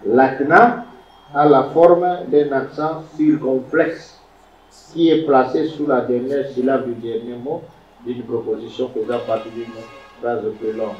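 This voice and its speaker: A man teaching a Hebrew lesson, animated and emphatic, sounding out words syllable by syllable. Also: mid-range voice, a little slow. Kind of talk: classroom lecture. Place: classroom. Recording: echoey room, distant mic, dull lo-fi sound.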